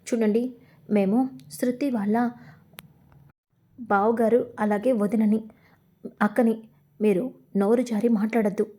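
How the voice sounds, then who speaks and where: A woman's voice: on the high side, fairly even intonation, measured pace, long pauses, warm tone. A woman voicing a young wife who firmly stands up for her husband, in her own everyday voice.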